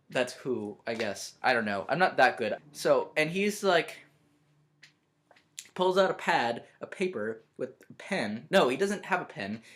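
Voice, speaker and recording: A young man, a college student vlogging from his bedroom, telling a story in a rambling, self-interrupting, animated way. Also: medium pitch. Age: young adult. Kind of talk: storytelling vlog.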